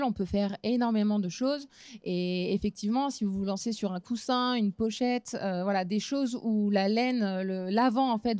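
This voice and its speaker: A woman in her thirties giving a relaxed craft demonstration at a fair booth, talking casually with frequent hesitations. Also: medium pitch, no room sound. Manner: relaxed, chatty, many hesitant fillers. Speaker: craft instructor. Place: small trade-fair stage booth.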